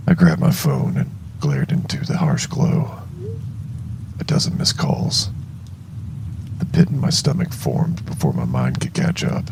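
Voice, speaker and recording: A man playing an exhausted, shaken young survivor of a zombie outbreak, narrating a horror audio journal in a gravelly, halting voice. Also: background noise, exaggerated voice. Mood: weary dread. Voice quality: very deep, gravelly, creaky. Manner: slow, halting, heavy dramatic pauses.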